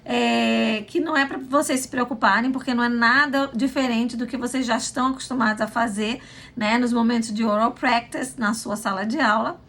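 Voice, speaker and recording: High-pitched Brazilian woman, school director giving an informal lesson, loose and explanatory. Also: fairly even intonation, brisk, fairly bright tone. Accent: Brazilian Portuguese. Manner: explanatory, conversational, with frequent fillers. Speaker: language school pedagogical director. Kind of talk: informal teaching talk.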